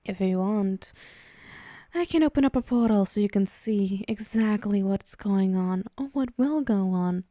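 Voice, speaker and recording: A woman plays a possessive, teasing female demon in an ASMR roleplay, speaking hushed and directly to the listener, menacing yet indulgent and smug, coaxing in mood. Her mid-range, natural voice moves at a measured pace in clean studio quality with no echo.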